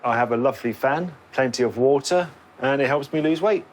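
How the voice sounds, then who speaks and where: A man's voice: mid-range voice, a little fast. A British man who works as a cook, chatting in an interview with dry jokes. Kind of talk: casual interview. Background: music.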